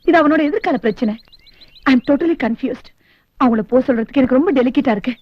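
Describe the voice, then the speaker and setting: An actress playing a middle-aged wealthy widowed mother in a film, soft and earnest. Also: sits high, brisk, slightly rough, no echo. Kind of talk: film dialogue. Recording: dull lo-fi film soundtrack with faint music.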